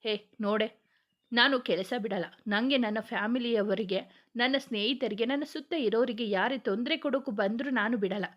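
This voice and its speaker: A woman's voice: a little high, moderate pace, highs cut off, lightly acted. A woman reading as a stern young policeman. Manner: firm, scolding, forceful delivery. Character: stern young male police officer, short-tempered.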